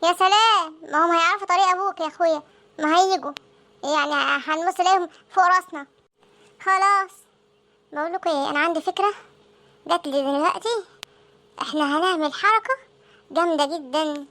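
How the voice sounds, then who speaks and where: Panicky teenage students in a comic cartoon, with an Egyptian accent, all voiced by a woman. The voices are extremely high and sharp, in squeaky, sped-up chatter at a breakneck pace. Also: fast talker, pauses often, full character voice. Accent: Egyptian Arabic. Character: panicky teenage students dreading exam results.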